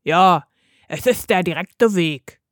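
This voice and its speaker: A woman voicing a clumsy, helpful male wolf in a storybook reading with a low, gruff delivery. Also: slow, no echo, studio quality.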